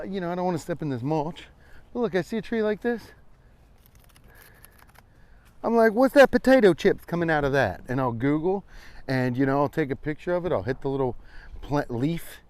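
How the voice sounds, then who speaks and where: Walking a trail outdoors, a forties-aged American man rambles through a comedic vlog he hosts, casual, irreverent and freely profane. His voice sits on the high side with a darkish tone.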